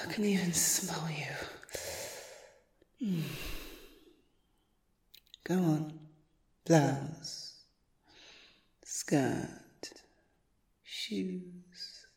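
A woman voicing an obsessive, unhinged female stalker in a whispered audio roleplay, crooning slowly and intimately in a breathy voice. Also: mellow, full character voice. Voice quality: breathy whisper with creaky low tones. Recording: roomy echo.

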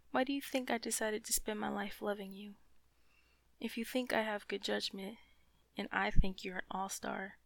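In this ASMR comfort roleplay, a woman with a medium-pitched, creaky voice addresses a loving partner in soft, soothing tones. She frequently slips into whispers right up against the microphone, and the recording is dry.

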